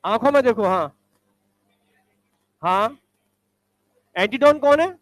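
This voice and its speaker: A male teacher quizzing students in a classroom, briskly ordering them to stand up and recite examples. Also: very high-pitched, expressive, dry recording.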